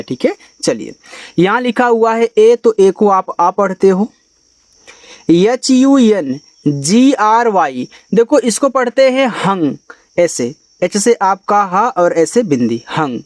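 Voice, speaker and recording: High-voiced man teaching English spelling. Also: no echo, studio quality. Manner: spells words letter by letter, then explains the sounds step by step. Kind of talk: spoken lesson on reading English words.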